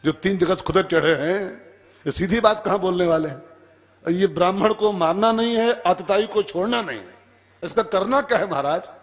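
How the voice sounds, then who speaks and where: A man's voice: high voice, normal speed, voice pushed up, natural voice. A man voicing a puzzled warrior prince who questions his lord in a wry, slightly raised voice. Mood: wry questioning.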